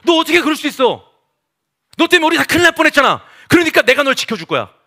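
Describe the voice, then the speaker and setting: A man's voice: very high voice, very animated, fast talker, bright, forceful tone, voice pushed up, full character voice. A man preaching plays an indignant ancient king who scolds someone for lying. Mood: indignant scolding.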